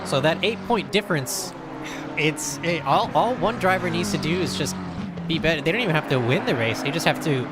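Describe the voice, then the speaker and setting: Fairly quick and animated, this American commentator's voice sits on the high side as he gives chatty, casual commentary on sim racing qualifying. Loud game engine noise runs in the background.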